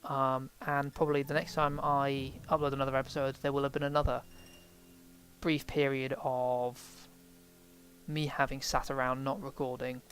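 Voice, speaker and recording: A man's voice: mid-range voice, fairly bright tone. A man giving casual let's play commentary, rambling and thinking aloud as he plays a game. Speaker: game streamer.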